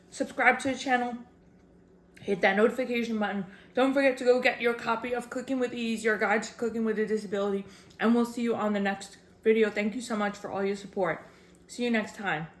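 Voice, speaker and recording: A woman's voice: mid-range voice, roomy sound. A woman hosting her own cooking channel, chatting upbeat and casual through a demonstration and often calling viewers "guys".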